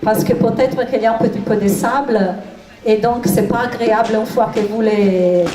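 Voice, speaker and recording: A woman's voice: fairly high pitch, fairly even intonation, normal speed. A woman from Italy with an Italian accent and foreign-sounding, imperfect French, explaining a recipe in a live cooking demonstration. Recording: echoey room with crowd noise.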